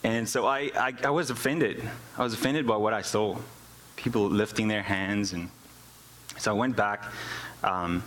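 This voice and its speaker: A worship musician and music teacher from South Africa, native in Afrikaans, tells his personal story informally in church at a normal pace. His voice is fairly low and a bit bright, over a little hiss or hum. Repeated words come often as he reaches for phrasing.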